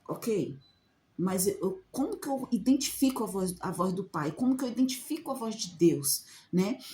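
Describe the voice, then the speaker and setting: A woman's voice: mid-range voice, a little mellow, slight background noise. A woman giving an informal Bible teaching, talking conversationally and asking many rhetorical questions. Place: outdoors in the sun.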